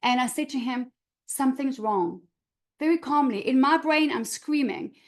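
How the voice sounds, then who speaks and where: A woman's voice: sits high, moderate pace. A middle-aged woman, a confidence coach, earnestly telling a personal story on a video call and repeating her key points for emphasis.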